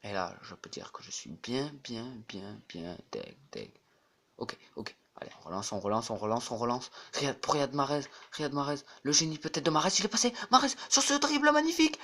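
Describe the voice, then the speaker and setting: A man commentates his own football video game in a casual let's-play, his voice bright and forceful. He chants player names over and over and breaks into shouts when a chance comes. He speaks into a home gaming mic. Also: medium pitch, animated, normal speed, creaky. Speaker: gaming YouTuber.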